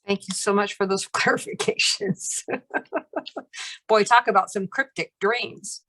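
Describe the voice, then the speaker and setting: A woman's voice: medium pitch, measured pace, pushed and bright. A woman telling a story in a casual, chatty way, laughing often and using lots of fillers. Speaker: group participant.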